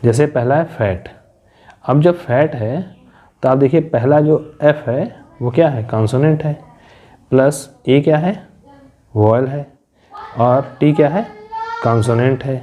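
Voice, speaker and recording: A man's voice: medium pitch, measured pace, pauses often, lo-fi sound. A man teaching an English lesson, explaining step by step and answering his own questions. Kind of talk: classroom lesson explaining syllable patterns.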